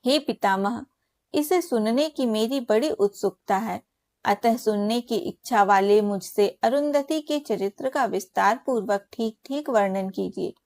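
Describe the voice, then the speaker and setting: Woman doing a devout old-time sage asking questions, real slow, dry close sound. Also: on the high side, darkish tone, no room sound. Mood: reverent. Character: sage Narada, a curious devout male seer.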